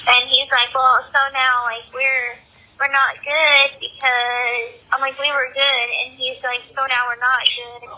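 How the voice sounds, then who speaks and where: A woman's voice: high-pitched, little pitch movement, measured pace, sharp tone, a little hiss or hum. A woman on a collect call from prison, annoyed and emotionally worn out, venting casually with lots of "like". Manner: venting, peppered with "like". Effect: prison phone call. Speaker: inmate caller. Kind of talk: casual phone chat.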